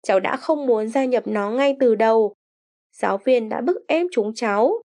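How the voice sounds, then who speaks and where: A woman voicing a young, trusting granddaughter in a read-aloud story, a little higher and childlike. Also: moderate pace, darkish tone, natural voice. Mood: pleading.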